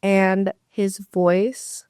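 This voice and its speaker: A young woman co-hosting a casual chat podcast, retelling conversations with quick asides. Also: medium pitch, level tone, a little mellow, smooth, no echo, studio quality. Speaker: podcast co-host.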